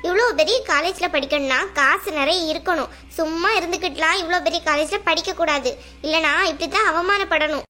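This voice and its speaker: A woman's voice: very high voice, fairly quick, pushed and bright, soft background music. A woman voicing a snobbish young college girl in a cartoon, talking in a mocking, scornful way. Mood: contemptuous. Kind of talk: cartoon dub acting.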